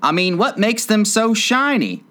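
Solemn, impatient griffin, read by a man, slow and weighty. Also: sits high, very animated, bright, forceful tone, pitched above the performer's own voice, exaggerated voice.

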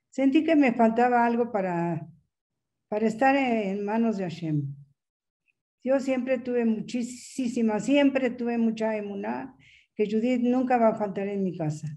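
A woman's voice: on the high side, mellow. An older woman tells her family's story as a personal testimony, speaking in an emotional, hesitant way. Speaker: mother telling her story.

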